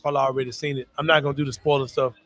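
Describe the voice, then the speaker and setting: A man's voice: medium pitch, flat delivery, rapid-fire, a bit bright, soft background music. A man hosting a casual podcast, talking in loose slang, laughing often and leaning on "bro" for emphasis. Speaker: podcast host. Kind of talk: casual sports and pop culture chat.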